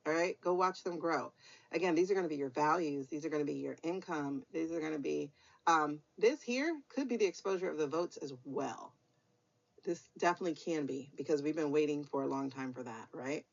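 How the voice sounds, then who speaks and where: A woman's voice: low-pitched, brisk, gravelly. An American woman giving a weekly tarot reading in a casual, blunt, encouraging way, with some mild swearing. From United States. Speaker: tarot reader. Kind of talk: casual spiritual guidance chat. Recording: dull lo-fi recording.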